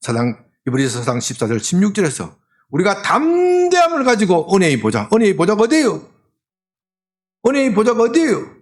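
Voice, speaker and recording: A man preaching a sermon as senior pastor, animated and firing rhetorical questions at the congregation. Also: sits high, a little fast.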